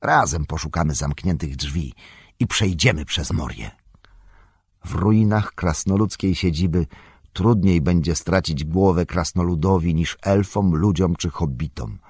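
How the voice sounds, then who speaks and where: A man voicing a grave, commanding old male wizard in an audiobook, speaking in a husky, measured, solemn way. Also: low voice, a little mellow, no echo, clean studio sound, heavily acted. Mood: resolute. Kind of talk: audiobook character reading.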